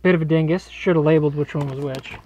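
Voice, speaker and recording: A man's voice: fairly high pitch, fairly even intonation, fast, warm tone, muffled recording, slight background noise. A man explaining electrical work on the job in a cramped basement, in a casual, joking way. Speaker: electrician host. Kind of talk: explaining on-the-job wiring to camera. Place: cramped basement crawl space.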